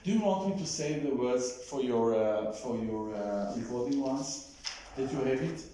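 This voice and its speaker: A man coaching a singer on German diction in a masterclass, patient, modelling words slowly and repeating them. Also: medium pitch, animated, mellow, heavy reverb, low-quality recording.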